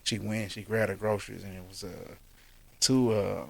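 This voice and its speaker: A man talking as a guest in a casual interview, laid back and calm as he tells his stories. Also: lowish voice, normal speed, gravelly. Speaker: basketball coach, podcast guest.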